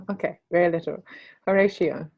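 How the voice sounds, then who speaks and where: A woman's voice: lowish voice, fairly even intonation, moderate pace, vocal fry, breathy edge, no room sound, muffled recording. Upbeat New Zealand woman leading a call. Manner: informal, upbeat, calls on people by name. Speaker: course facilitator. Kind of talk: casual online class call. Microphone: video call.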